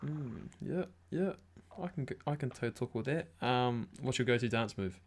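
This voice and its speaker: A man's voice: mid-range voice, normal speed. A young man with a broad New Zealand accent hosting a casual interview in a matey, slangy way. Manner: matey, slangy, peppered with bro. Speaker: interview host. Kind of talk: casual chat.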